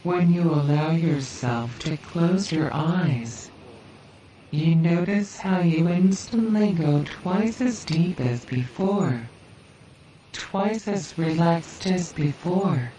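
A woman leading a guided relaxation hypnosis in a soothing, deliberate manner with long pauses. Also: lowish voice, warm tone. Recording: roomy, distant, hissy background noise.

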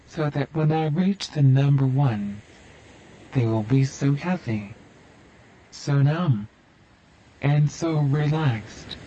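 A man guiding a hypnosis induction in a slow, soothing, repetitive cadence. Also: a little high, mellow, muffled recording, a little hiss or hum.

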